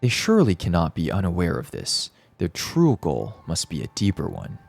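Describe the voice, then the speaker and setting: A man's voice: low voice, huge pitch swings, moderate pace, gravelly, full character voice. A man reading a game's lines as an aloof, weary swordsman in a tired, formal voice. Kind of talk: reading game dialogue aloud.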